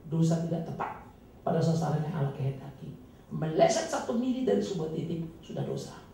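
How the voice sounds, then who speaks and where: A male pastor giving an emphatic, dramatic sermon with sudden loud, high bursts, recorded from a distance in a church hall. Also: lively intonation, a little fast. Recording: echoey hall, distant mic, faint noise.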